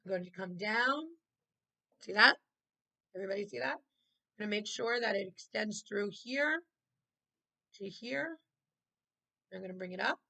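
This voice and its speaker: A woman's voice: medium pitch, creaky, sharp tone, rough recording. A woman art teacher leading children through a step-by-step drawing lesson, encouraging them with praise and prompts.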